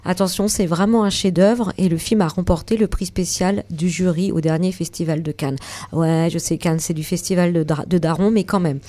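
A woman hosting a casual radio chat, calmly reading out a film recommendation with a little irony. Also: fairly low pitch, moderate pace. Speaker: radio show host.

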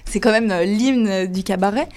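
Talkative and lively, a woman explains her work as a cabaret dancer during an interview, detailing her everyday routine. She speaks at a normal speed in a mid-range voice.

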